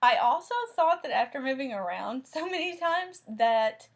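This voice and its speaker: A woman from Tennessee, USA, with a thick Southern Tennessee accent hosts a crafting vlog, chatting casually about cross-stitch projects. Her voice is high with lively intonation at a moderate pace. She rambles a bit, using frequent fillers and correcting herself often.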